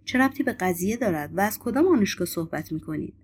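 A woman's voice: medium pitch, animated, a little mellow, a little hiss or hum, close to an everyday voice. A woman voicing a skeptical man who answers politely but dismissively in an audiobook. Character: skeptical man, editor, dry and irritated.

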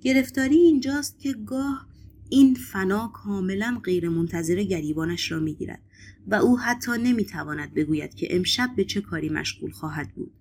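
A woman voicing a mysterious foreign man who talks in a calm, assured and cryptic way in an audiobook. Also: medium pitch, husky. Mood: ominous.

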